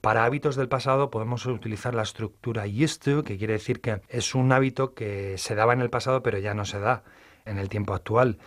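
A man explaining English grammar in Spanish, methodical and measured, reading out slow English example sentences. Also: lowish voice, steady tone. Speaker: English teacher. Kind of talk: explaining grammar in a studio lesson.

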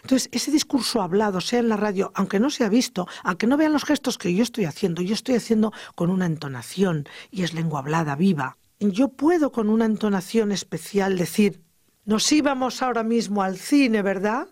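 A grammar teacher giving an educational radio lesson, explaining lively and acting out example sentences. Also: mid-range voice, fairly quick, no echo, clean studio sound.

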